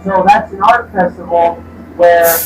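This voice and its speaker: Guy doing trolley tour commentary, high voice, echoey and far off, music underneath. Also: steady tone, a little slow, background noise. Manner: informative, addresses riders directly. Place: on a moving trolley. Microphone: distant, recorded by a tourist's camera. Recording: echoey, distant trolley recording.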